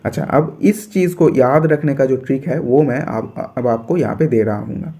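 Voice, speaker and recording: A man's voice: mid-range voice, normal speed, warm tone. A young man from India teaching biology for an entrance exam, explaining step by step and repeating his points.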